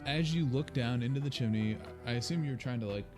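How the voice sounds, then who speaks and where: A man's voice: medium pitch, fairly quick, a little mellow. A man narrating casually as game master of a tabletop role-playing game. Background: faint music.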